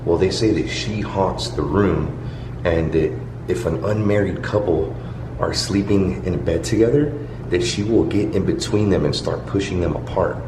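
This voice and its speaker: A man's voice: low voice, normal speed, noisy background. A man hosting a casual walk-and-talk vlog, telling ghost-tour history in a colloquial, rambling way. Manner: colloquial, rambling explanations with frequent "you know". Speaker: vlog host. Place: indoors in a large hotel. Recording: roomy echo with background music. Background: music.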